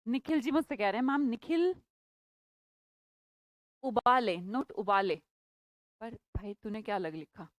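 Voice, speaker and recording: A woman's voice: fairly high pitch, sing-song, a little fast, few pauses, darkish tone, dry recording. A woman teaching English vocabulary in a live online class, chatty and playful, teasing her students by name.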